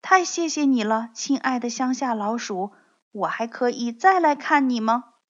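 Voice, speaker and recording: A woman voicing a polite, curious little city mouse that sounds gently pleased. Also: fairly high pitch, animated, normal speed. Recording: dull lo-fi recording.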